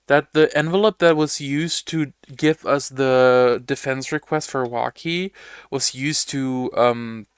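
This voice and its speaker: A man's voice: medium pitch, fairly bright tone, clear, resonant tone, no echo, clean studio sound. A man chatting casually to his audience while streaming a game, rambling, laughing often and swearing now and then. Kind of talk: casual gameplay chat.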